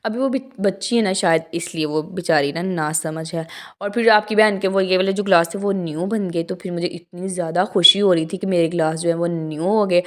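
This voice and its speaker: A woman's voice: fairly low pitch, a little fast. Chatty young woman vlogger, rambling voice-over. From Pakistan. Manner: rambling and chatty, with frequent restarts and asides. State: tired from talking. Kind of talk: casual storytelling voice-over.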